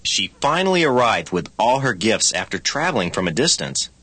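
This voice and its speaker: A man reading scripted practice dialogues for a language lesson, with expressive, swooping line readings. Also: fairly low pitch, normal speed, breathy edge, no echo.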